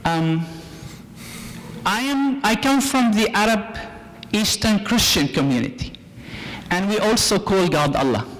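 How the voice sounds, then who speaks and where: A man's voice: high voice, lively intonation, measured pace, a bit bright, big-room sound, a little hiss or hum, low-quality recording. A man from Syria, a native Arabic speaker and theology professor, asking a polite, earnest question from the audience at a lecture. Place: lecture hall.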